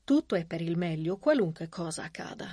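A man voicing a meek, tearful middle-aged Swedish woman in an audiobook, soft-spoken and plaintive. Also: fairly high pitch, lively intonation, fairly quick, dry recording, voice pushed up.

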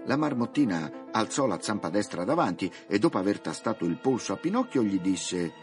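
Expressive male storyteller over music. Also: fairly low pitch, brisk. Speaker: narrator. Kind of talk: storybook narration. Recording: music playing underneath.

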